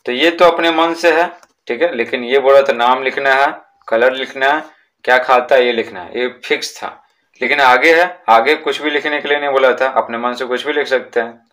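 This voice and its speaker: A man's voice: mid-range voice, fairly bright tone. A man teaching a patient, repetitive lesson. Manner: reads English lines slowly, then explains; repeats points with "ठीक है ना". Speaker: English teacher. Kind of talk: classroom lesson explanation.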